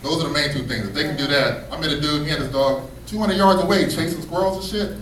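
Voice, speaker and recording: A man's voice: on the high side, quick pace, fairly bright tone. A man doing a stand-up set in a comedy club, telling stories in a laid-back, conversational way with slangy asides. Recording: echoey club from a distance, noisy room. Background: audience laughter.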